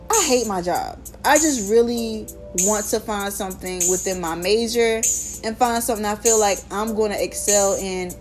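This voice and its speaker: A young American woman hosting her own podcast, talking casually and candidly with lots of slang and swearing while telling stories. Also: mid-range voice. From United States. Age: young adult. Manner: candid, profane, animated storytelling with slang. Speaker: podcast host. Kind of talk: casual solo podcast chat.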